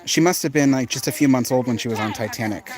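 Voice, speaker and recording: This Southern California man, speaking with the local accent, hosts a relaxed park live stream where he reads out viewer comments and responds. He talks fast at a medium pitch, with a crowd audible behind him, in a loose, chatty style packed with fillers and false starts.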